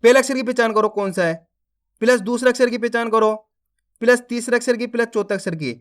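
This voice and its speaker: A man's voice: very high voice, brisk. A man teaching children to read. He sounds out each letter, joins them into a word, and speaks to the viewers as friends. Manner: encouraging, addresses viewers as friends. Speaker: Hindi reading teacher. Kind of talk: slow syllable-by-syllable reading lesson.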